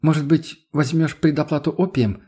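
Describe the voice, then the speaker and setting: A man putting on a clever young woman for an audiobook, voice lifted and husky, measured and persuasive. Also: a little high, steady tone, mellow, pitched above the performer's own voice.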